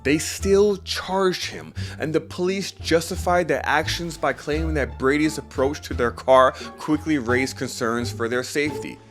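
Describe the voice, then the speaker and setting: A man narrates a news story in a slightly raised voice, mixing plain retelling with biting sarcasm and mock-serious asides. Soft background music runs under his voice. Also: on the high side, a little slow, hardly any pauses. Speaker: commentary video host.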